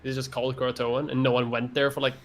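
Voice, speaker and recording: Relaxed Swedish-born man guesting on a chat. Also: mid-range voice, quick pace, slight background noise. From Sweden. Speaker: guest, YouTuber. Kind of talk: casual chat.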